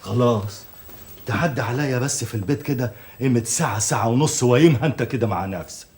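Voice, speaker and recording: An actor with an Egyptian accent, playing a hard-pressed man who blusters and then smoothly coaxes a worker he owes money, in a TV drama. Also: mid-range voice, quick pace, a little mellow, a little hiss or hum, lightly acted. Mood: coaxing. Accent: Egyptian Arabic. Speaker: father and businessman short of money. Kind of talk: 1980s TV drama acting.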